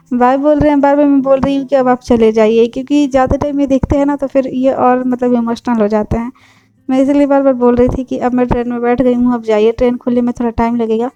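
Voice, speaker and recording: A woman's voice: on the high side, warm tone, no room sound, muffled recording. Young female vlogger from Bihar, chatty and rambling, dry close sound, faint music underneath. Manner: chatty, repetitive, filler-heavy. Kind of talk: casual vlog narration.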